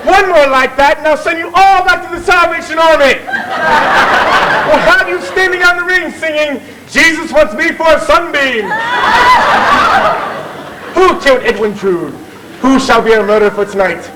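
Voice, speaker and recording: Man acting a high-voiced, pompous music hall chairman. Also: a little fast, natural voice. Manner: pompous, declamatory, bantering with the audience. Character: theatrical, bossy Victorian music hall chairman. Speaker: master of ceremonies. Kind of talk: comic stage musical narration. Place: theatre stage. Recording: noisy live theatre audience recording.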